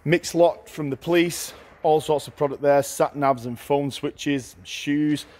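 Brisk man touring a warehouse. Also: a little high, a little mellow. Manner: brisk, listing items in short phrases. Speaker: auctioneer giving a viewing tour. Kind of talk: walking tour commentary. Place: large indoor warehouse with shelving.

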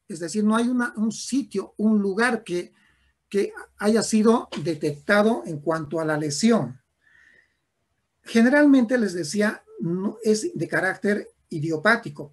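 A man gives a neurology lecture at a deliberate, unhurried pace. His voice is slightly husky. He restates terms and checks in with the class. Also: high-pitched. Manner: slow, repetitive, with frequent restarts and checks of "¿ya?".

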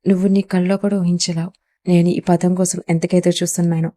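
A woman's voice: on the low side, flat delivery, fairly quick, mellow, natural voice. A woman voicing a wounded, obsessive young mafia don who speaks tenderly and pleadingly to the woman he loves.

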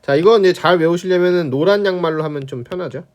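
A Korean language teacher lecturing on spelling rules, repeating key phrases and checking in with students. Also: male voice, sits high, fast talker.

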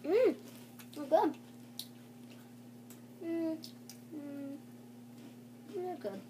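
A woman's voice: high-pitched, very slow. A woman hosting a snack taste-test vlog, chewing with her mouth full and humming short approving murmurs between bites. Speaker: snack-tasting vlog host. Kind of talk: casual taste-test chat. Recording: steady background noise.

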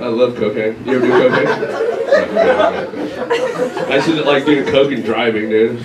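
A man's voice: mid-range voice, fairly even intonation, normal speed, very noisy. A young man doing a live stand-up set on a small club stage with a handheld mic, talking in a loose, crude and chatty way and riffing with the crowd. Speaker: stand-up comedian. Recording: roomy club sound from a distance, loud crowd laughter.

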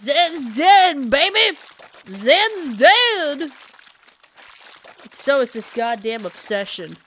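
A woman streaming a video game live, swearing, yelling at enemies and cracking jokes. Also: sits high, big pitch swings, extremely slow, slight background noise. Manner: profane, yells at the game, jokes. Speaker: gaming streamer. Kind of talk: live gameplay commentary.

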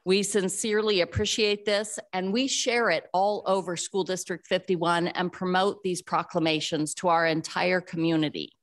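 A middle-aged woman speaks into a podium microphone in a council chamber, earnest and a little halting, with fillers between phrases. Her voice sits fairly low. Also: steady tone. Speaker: school district foundation director. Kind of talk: public remarks at a podium.

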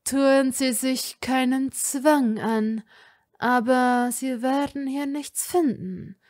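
A woman voicing a cold, calm aristocratic father. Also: sits high, voice pushed up. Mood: cool. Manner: calm, measured, coolly threatening.

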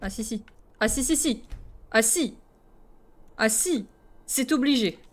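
A woman's voice: fairly high pitch, lively intonation, takes it slowly. Playful, exclamation-filled woman streamer. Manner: playful, chatty, full of exclamations. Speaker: streamer playing a video game. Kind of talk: casual live-stream gaming commentary.

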